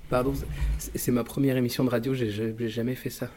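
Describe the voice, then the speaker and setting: A man's voice: mid-range voice, flat delivery, fast, warm tone, close to an everyday voice. Man playing a stammering, nervous radio newcomer. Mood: nervous, confused. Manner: stammering, apologetic. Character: nervous, naive first-time male radio guest. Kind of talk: naturalistic audio fiction dialogue.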